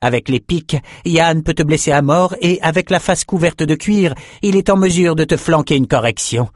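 A man's voice: a little high, moderate pace, no echo, studio quality, voice pushed up, natural voice. A man voicing a cruel, domineering woman who owns gladiators, in a scornful, commanding tone in a storybook reading.

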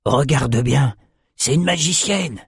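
A man's voice: mid-range voice, slow pace, husky, no room sound, clean studio sound, voice pushed up, heavily acted. A male reader voicing a suspicious red-faced shepherd who speaks in a guarded, grumbling way. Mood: wary.

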